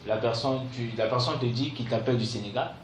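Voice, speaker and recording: A male call center trainer, teaching a class and checking in with his students all the time. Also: mid-range voice. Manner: keeps checking in with "d'accord?" and "vous comprenez?"; repeats key phrases slowly for dictation. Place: training room. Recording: echoey room with faint background noise.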